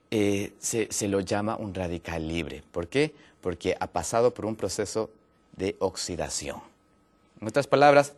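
An Ecuadorian man with a medium-pitched voice appears as a guest on a health program. He explains his topic patiently, pausing often and using lots of fillers.

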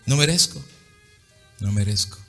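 A man voicing a repentant dying thief who pleads in a low, broken voice during a sermon. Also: animated, normal speed, a bit bright, slightly rough, faint music behind. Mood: pleading.

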